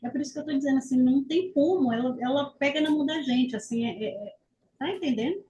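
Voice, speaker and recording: A woman's voice: high-pitched, fast, mellow, highs cut off. A woman student talking casually in an online class, hesitant and rambling, with many restarts.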